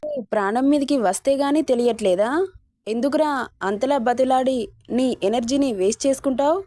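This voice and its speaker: A woman's voice: sits high, normal speed, dark tone, dry recording, close to an everyday voice. A woman voicing a vengeful young man who taunts and threatens his captive in a read-aloud story. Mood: taunting menace. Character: vengeful young man, hero, cold and menacing.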